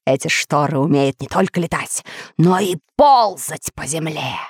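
A scheming lord of monsters brags in a calm, low, unhurried voice, as a woman reading the story puts him on. He savors every menacing detail. There is no room sound at all. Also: breathy edge, dry recording, clean studio sound, heavily acted. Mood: smug, boastful. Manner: calm, boastful. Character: boastful scheming male villain, lord of computers.

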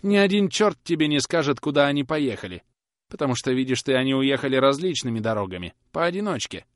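A man's voice: mid-range voice, expressive, fast talker, dry recording, clean studio sound, voice pushed up, close to an everyday voice. A man playing a nervous young knife-grinder who pleads and dodges questions in a storybook reading. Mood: evasive. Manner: whining, pleading.

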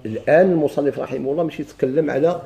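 Moroccan male teacher, very dark mellow voice, drills the class with questions. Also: on the high side, vocal fry. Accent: Moroccan Arabic. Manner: questions the class and answers himself, reads lines slowly. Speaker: grammar teacher. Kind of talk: classroom lesson explaining a text.

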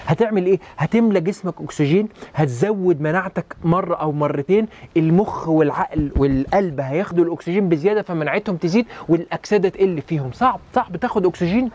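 A man's voice: on the high side, darkish tone. A man speaking in an Egyptian Arabic accent, a doctor giving urgent, repetitive health advice to listeners. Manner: fast, urgent, lecturing, repeats points, addresses listener as "habibi". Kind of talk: rapid health talk to listeners.

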